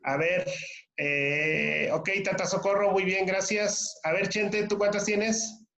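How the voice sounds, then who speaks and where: A man's voice: high voice, steady tone, slow, gravelly, a bit bright. A man teaching a language class over a video call, patiently explaining and calling on students by name. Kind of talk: online class instruction. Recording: echoey, dull lo-fi call audio.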